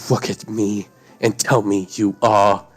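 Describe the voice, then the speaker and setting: A prim, meddling man in a live role-play game who speaks in stiff, overly formal phrases, as a man plays him. The voice is low and unhurried. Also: level tone. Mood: confrontational.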